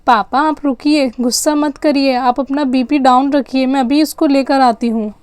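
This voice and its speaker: A woman's voice: high voice, fairly even intonation, normal speed, dry recording. A woman telling a doll story and voicing its characters, here coaxing in a soothing older-sister tone. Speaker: storyteller voicing all dolls.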